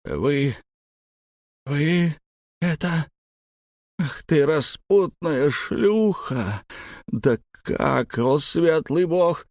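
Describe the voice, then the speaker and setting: A man voicing a heartbroken old farmer who screams and wails in a cracking falsetto and sobs. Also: lively intonation, moderate pace, darkish tone, dry recording, clean studio sound, natural voice. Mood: raging. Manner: wailing, screaming, breaking into falsetto. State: sobbing.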